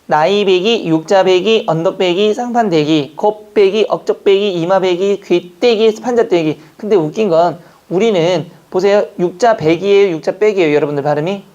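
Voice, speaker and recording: A man from Jeju Island teaching an exam-prep language class, chatting, joking and quizzing his students with quick questions. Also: high-pitched, a little mellow. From Jeju Island, Korea. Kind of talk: classroom lecture. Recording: dull lo-fi lecture recording.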